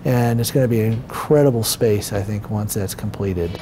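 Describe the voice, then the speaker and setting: A man's voice: fairly low pitch, moderate pace, loud music behind the voice. A male engineer explaining a building project in a local TV interview, with many fillers.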